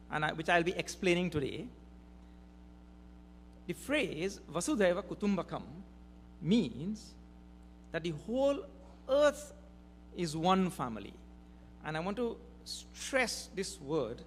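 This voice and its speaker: Slow emphatic man in a reverberant hall. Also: a little high, very animated. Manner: slow, deliberate, emphatic, lingering on key words. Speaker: spiritual speaker at a mission gathering. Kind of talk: spiritual discourse. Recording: reverberant hall with faint hum.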